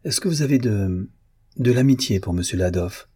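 A man reading the part of a calm, tactful young woman musician in an audiobook, speaking with soft, patient coaxing. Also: on the low side, normal speed, slightly rough.

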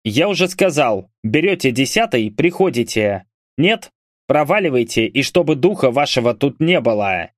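A man's voice: mid-range voice, sing-song, moderate pace, dry recording, clean studio sound, pitched above the performer's own voice, lightly acted. A man playing a scornful bearded brute. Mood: dismissive. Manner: scornful, barking. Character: burly bearded guild guard, dismissive man.

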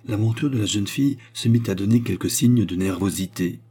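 Male audiobook narrator, low, mellow, husky, measured delivery. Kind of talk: audiobook reading.

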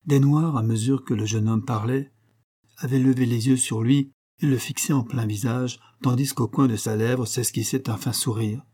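Mellow, husky male audiobook narrator. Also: medium pitch. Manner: steady, measured literary reading. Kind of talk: scripted narration.

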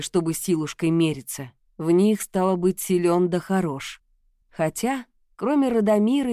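Female audiobook narrator, lowish mellow voice, measured delivery, dry close sound. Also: no room sound. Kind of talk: first-person audiobook narration.

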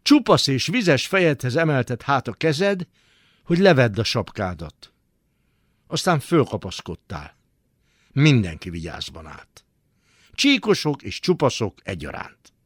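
A male narrator reads a literary story aloud with dramatic, expressive storytelling. His pitch moves in wide, lively swings. The voice sounds close and dry, as in a radio studio. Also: pauses often, no echo.

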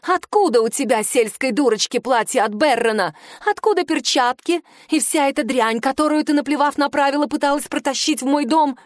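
A woman's voice: high voice, a little fast, few pauses, no room sound, studio quality, voice pushed up, natural voice. A woman voicing a haughty aristocratic aunt who shrieks with venomous contempt, in an audiobook reading. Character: furious haughty aristocratic aunt, shrill and scornful.

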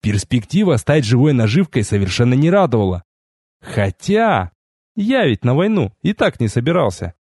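A man reading a first-person audiobook in an expressive, wry storytelling manner. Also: mid-range voice, moderate pace, husky, no room sound, studio quality. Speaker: audiobook reader.

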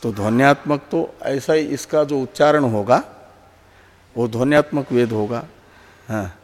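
A man gives a slow, unhurried philosophy lesson in a middle-pitched voice. He explains patiently, repeats himself and restarts phrases as he goes. His voice rings with a long reverb, as if in a large hall. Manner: patient, repeats words and restarts, answers with a soft "haan". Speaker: teacher of Indian philosophy. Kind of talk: slow explanatory lecture with pauses for questions.

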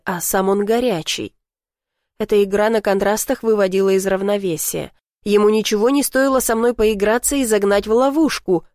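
A young woman reading an audiobook in an expressive, emotional way. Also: medium pitch, dry recording. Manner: emotional, vivid, flares into shouting in dialogue. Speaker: audiobook narrator. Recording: dry close studio sound.

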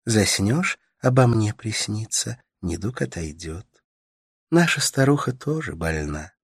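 Brief: gentle caring young woman, soft sing-song delivery, played by a male audiobook reader pitching up. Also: animated, measured pace, gravelly, breathy edge, no echo, clean studio sound, full character voice. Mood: storytelling. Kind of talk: audiobook character voice.

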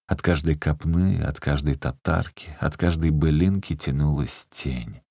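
A man reading a literary story aloud as an audiobook narrator, measured and unhurried. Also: rumbling low, gravelly, darkish tone, dry recording, clean studio sound.

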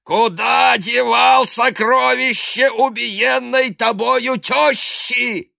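A man voicing a greedy, desperate male priest with a hoarse, frantic, drawn-out voice in a storybook reading. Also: medium pitch, no echo, clean studio sound, lightly acted. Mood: frantic demanding. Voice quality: hoarse shouting.

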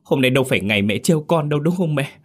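A man's voice: sits low, moderate pace. A man voicing a young man who is frantic and heartbroken, pleading and crying out in an audio story. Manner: pleading, rising to anguished shouts.

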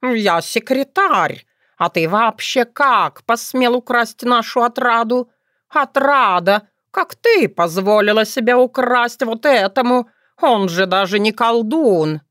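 A woman's voice: fairly high pitch, animated, slow, fairly bright tone, no room sound, clean studio sound, pitched above the performer's own voice. A woman doing Bayun, a fussy wailing tomcat. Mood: pompous. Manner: wailing, scolding, self-pitying. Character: fussy, dramatic talking tomcat, male. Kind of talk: audiobook character voice.

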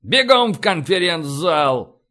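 A man voicing a proud, excitable male rear admiral prone to shrill indignant outbursts. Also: unhurried.

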